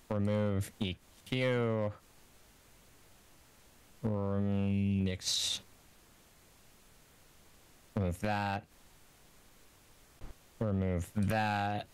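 A man's voice: on the low side, smooth. A man co-streaming a game, chatting casually and fixing audio settings. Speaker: streamer, co-host.

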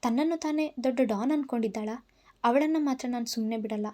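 A woman's voice: fairly high pitch, fairly quick, darkish tone, lightly acted. Give me a woman voicing an indignant young woman friend, in a storybook reading. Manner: indignant, urgent. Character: hot-tempered loyal young woman friend.

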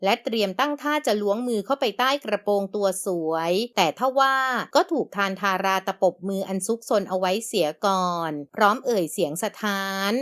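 A woman narrating a romance novel in a smooth, steady storytelling voice. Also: medium pitch, moderate pace, hardly any pauses. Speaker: audiobook narrator.

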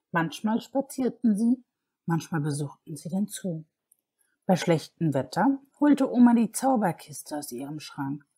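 A woman narrating a children's fairy tale audiobook. Her voice sits a little low and sounds mellow, with a husky edge. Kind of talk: scripted narration.

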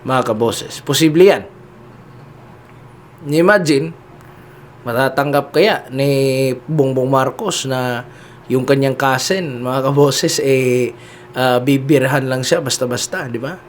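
Speaking slowly and pausing often, a medium-pitched male host delivers political commentary straight to his audience over slight background noise. He repeatedly addresses listeners and leans heavily on the tags "no?" and "di ba?"

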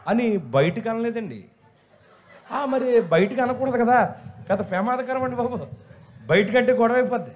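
A man, a pastor, preaching a sermon in an animated, humorous way and scolding his listeners with rhetorical questions. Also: extremely high pitch, normal speed, long pauses, lo-fi sound, a faint crowd.

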